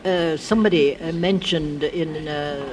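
A very old woman from the United States speaking in a reflective literary interview, halting and sometimes losing her thread. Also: sits low, a little mellow. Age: elderly, very old. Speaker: interviewee, friend of the writer discussed. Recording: clearly noisy archive interview recording.

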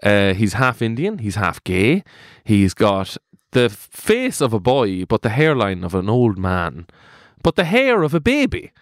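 A man's voice: fairly low pitch, wildly swooping pitch, unhurried, no room sound, clean studio sound. A man playing a rambling independent politician on an improvised comedy panel, with a hesitant delivery full of odd tangents. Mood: musing. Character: rambling male Irish independent politician, farmer-undertaker.

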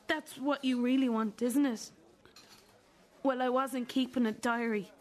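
A woman acting as a wounded, bitter adult daughter in a drama, accusing her mother in a halting, deliberate way. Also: a little high, fairly even intonation, a little mellow, close to an everyday voice. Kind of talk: dramatic two-hander dialogue.

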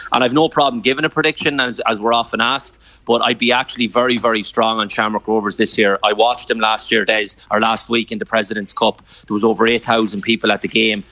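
Man, west of Ireland accent, football analyst, low-variation pitch, emphatic repeated phrasing, live radio interview. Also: sharp tone, no room sound. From Sligo, west of Ireland.

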